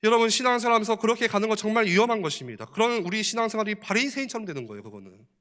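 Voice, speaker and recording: A man's voice: sits high, expressive, rapid-fire, fairly bright tone. A male pastor preaching a sermon in a church, in a conversational style, asking the listeners many questions and chuckling often.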